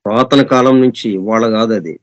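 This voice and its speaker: A man giving an explanatory scripture lesson as a spiritual teacher, repeating and listing synonyms slowly and deliberately, reading English passages very slowly. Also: medium pitch, dry recording. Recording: dull, dry lo-fi recording.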